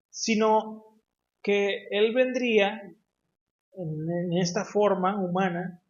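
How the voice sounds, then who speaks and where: Man, Mexican accent, preacher, high voice, echoey church, slightly muffled sound. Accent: Mexican Spanish. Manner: teaching, addresses the congregation directly with questions. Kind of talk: sermon. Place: church hall.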